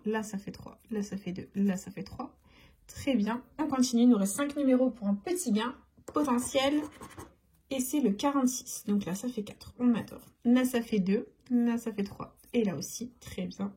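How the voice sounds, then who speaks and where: A woman casually talking through a scratch-card game, giving chatty running commentary that often drops to a soft near-whisper. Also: medium pitch, husky. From France.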